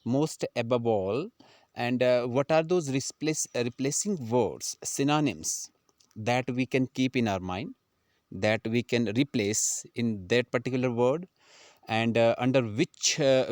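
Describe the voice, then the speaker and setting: A man's voice: mid-range voice, darkish tone, no echo. A man teaching vocabulary, spelling words out and checking that students follow. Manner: slow, deliberate teaching, spelling words out and asking "clear?". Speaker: English teacher. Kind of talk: vocabulary lesson in Hindi and English.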